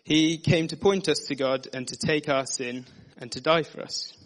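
A man giving a sermon, reading scripture passages and explaining them in an earnest, steady teaching manner. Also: fairly high pitch, normal speed. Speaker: preacher. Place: dim room.

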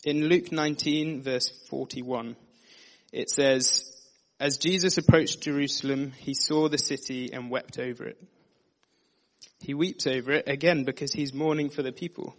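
A man preaching in an earnest, measured way, moving between scripture readings and plain explanation. His voice sits at an ordinary middle pitch for a man, and the delivery stays steady and sincere throughout. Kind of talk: sermon. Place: dim room.

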